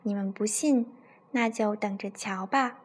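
A woman's voice: mid-range voice, unhurried, husky. A woman voicing a sly, boastful little fox in a bedtime story, speaking smugly and coaxingly. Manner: smug, coaxing, cheerful.

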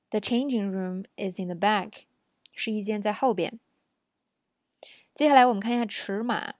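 Her voice is a little high and a little mellow, captured in a clean studio with no room sound. As an English teacher covering shopping phrases, she stays patient and conversational, with plenty of fillers, tag questions, and asides to the learner during the examples.

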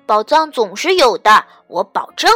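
A woman's voice: mid-range voice, very animated, measured pace, sharp tone, dry recording, soft background music, full character voice. A woman voicing a confident, determined young frog in a children's storybook, speaking in a self-assured, matter-of-fact way.

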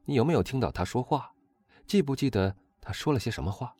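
A sensible young gentleman speaks in a calm, measured way, voiced by the man reading the story. The tone is mellow and the sound dry. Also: mid-range voice, dry recording, voice pushed up, close to an everyday voice.

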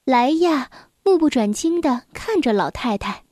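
In a high, animated voice, a woman storyteller reads a children's story slowly and gently. The sound is close and dry, with no room noise at all.

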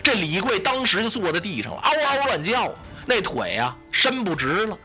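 A man narrating a traditional story in a lively, dramatic way, voicing the sound effects himself. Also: high-pitched, moderate pace, faint music behind.

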